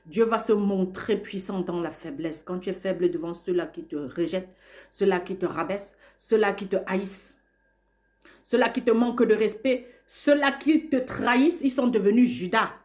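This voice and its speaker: A woman's voice: mid-range voice, moderate pace, darkish tone. A woman singing worship refrains and preaching with fervent emotion and repeated invocations.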